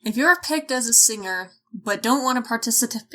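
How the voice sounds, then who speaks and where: Reading a casting-call announcement from a script, a woman speaks fairly quickly and with animation in a slightly high, somewhat bright voice, with a little background noise. Her frequent flubs come with cursing and self-deprecating jokes, making these blooper outtakes.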